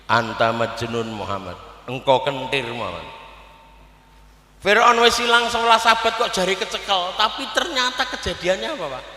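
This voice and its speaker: A man with a Javanese accent preaching a humorous sermon at a live gathering, lively and joking, often speaking straight to the audience. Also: sits high. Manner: lively, switching between preaching and jokes, often addressing the audience. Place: live outdoor religious gathering. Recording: echoey live event sound with long reverb.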